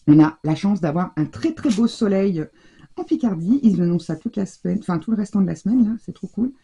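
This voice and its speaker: Demonstrating a craft technique, this woman chats to her audience as she works, frequently starting sentences over and trailing off. She speaks fairly quickly at a medium pitch with lively intonation, and her voice is mellow, gravelly and a bit breathy.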